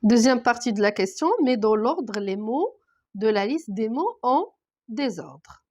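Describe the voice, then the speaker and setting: Woman, teacher, somewhat high voice, patient, step-by-step, reads words one at a time. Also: lively intonation, measured pace, warm tone. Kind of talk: online grammar lesson.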